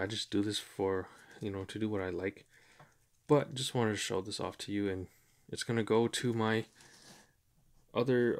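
Low, monotone man chatting about his cards. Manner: low-key, hesitant, many ums. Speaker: YouTube card collector. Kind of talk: casual chat.

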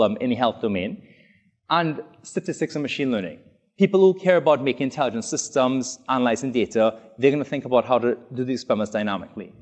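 Man lecturing, rapid pace, mid-pitched, eager, lots of ums, lecture room. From Trinidad and Tobago. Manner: fast, animated, frequent ums and likes, enthusiastic. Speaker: academic speaker. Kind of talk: academic talk.

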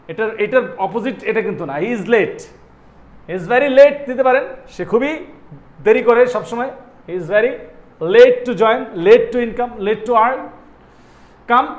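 Man, English teacher, high voice, repeats phrases with meanings, echoey room. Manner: explains slowly, repeating each English phrase with its Bengali meaning. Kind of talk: spoken-English lesson in Bengali.

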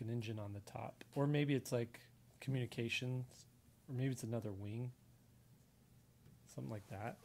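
A man's voice: mid-range voice, a little mellow. An American man giving a casual live drawing tutorial step by step, his voice heard in one ear only. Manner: explains step by step while sketching. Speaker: drawing instructor, artist. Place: indoor room, live stream at desk. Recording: sound in left ear only.

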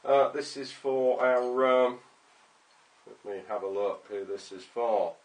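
A man talks casually about parts, checking in with "okay?" and "mate" as he goes. His voice sits at a middling pitch, and he is heard from a little way back from the microphone. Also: slow pace, far from the mic. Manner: chatty, addresses customers directly with "okay?" and "mate". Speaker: paintball tech vlogger. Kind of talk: casual show-and-tell to camera.

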